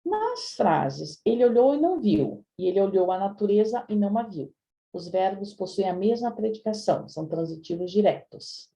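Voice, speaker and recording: A woman's voice: mid-range voice, sing-song, moderate pace, vocal fry, dark tone. A woman teaching a live online grammar review class, chatting with her students and often checking in with them. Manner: chatty, addresses students directly with frequent "né?". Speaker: Portuguese language teacher.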